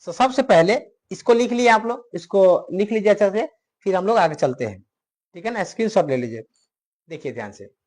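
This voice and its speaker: A man's voice: high-pitched, expressive, a little fast, a little mellow. Male teacher drilling a class. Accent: Hindi-speaking north Indian. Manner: repetitive question-and-answer drilling; answers his own questions for the class. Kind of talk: classroom lecture.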